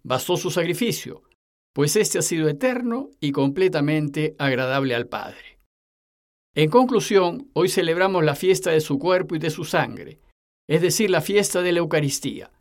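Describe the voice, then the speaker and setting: A man's voice: a little high, animated, normal speed. A man giving a homily that explains the day's Gospel in a structured, teaching manner. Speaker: preacher.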